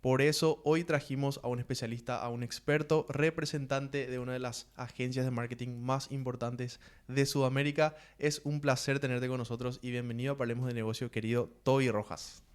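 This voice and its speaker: Guy hosting a podcast, smooth clear voice, upbeat intros. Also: medium pitch, flat delivery, brisk, hardly any pauses. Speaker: podcast host.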